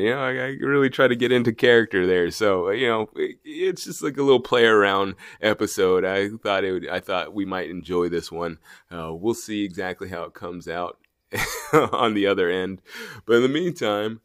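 A man's voice: sits low, no echo, studio quality. A man from the US, a podcast host and personal trainer, opening his show in an upbeat, rambling way with lots of fillers. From USA. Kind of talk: casual podcast intro. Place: fitness company gym.

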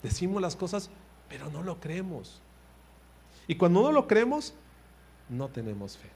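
Husky preacher. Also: male voice, high voice, unhurried. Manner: animated, swings between loud emphasis and quiet asides; addresses listeners with direct questions. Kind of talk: sermon.

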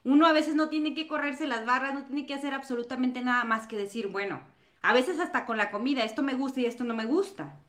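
A woman with a high voice talks expressively on a casual podcast panel. She acts out her own past words as she tells them. The recording rings with a clear room echo. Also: brisk, fairly bright tone. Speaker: panelist, session coach.

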